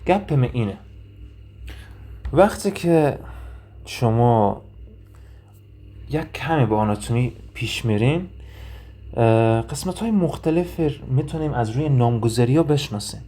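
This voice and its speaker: Mellow-voiced man teaching anatomy. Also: medium pitch, expressive, long pauses. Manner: explains step by step, asking and answering his own questions; thinks aloud with frequent hesitation sounds. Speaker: anatomy instructor. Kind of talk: recorded lecture with drawing and reading.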